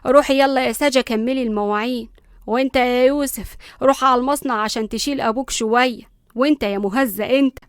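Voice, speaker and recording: A woman's voice: fairly high pitch, fast, clean tone, no echo, studio quality, lightly acted. A woman voicing a fierce, bossy old grandmother with an Egyptian accent, scolding and threatening with sarcasm.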